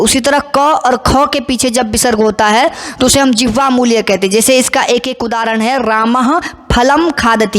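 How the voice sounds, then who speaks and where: A woman with a somewhat high-pitched voice teaches step by step, pausing to recite example phrases slowly and deliberately. Her voice carries a long reverb tail, as if recorded in a large hall. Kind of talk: explanatory lesson on Sanskrit letters.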